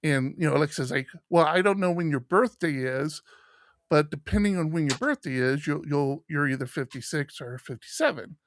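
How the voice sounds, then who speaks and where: A man in his fifties co-hosts a podcast, telling animated stories in casual conversation and acting out the voices of the people he quotes. His voice runs on the high side at a normal pace, with no room sound.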